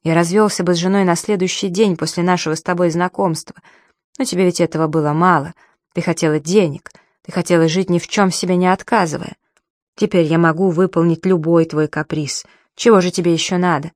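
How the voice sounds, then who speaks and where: A woman's voice: on the low side, fairly even intonation, brisk, a little mellow, dry recording, studio quality, natural voice. A woman reading an audiobook, voicing a desperate, frightened man pleading with his lover. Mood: frantic. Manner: frantic, pleading.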